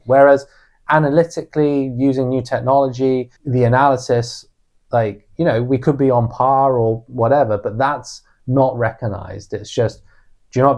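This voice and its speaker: A British man from the United Kingdom co-hosts a talk podcast, reflecting conversationally on personal experiences and often voicing remarks as quotes. His voice is medium-pitched and a little mellow.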